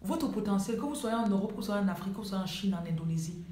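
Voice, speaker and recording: A woman with a Cameroonian French accent gives a live motivational talk from her home, pressing her points hard and repeating the key lines for weight. Her voice sits at a middling pitch. It rings with the echo of a bare room. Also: expressive, rapid-fire, warm tone. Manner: emphatic, repeats key phrases for effect. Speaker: life coach.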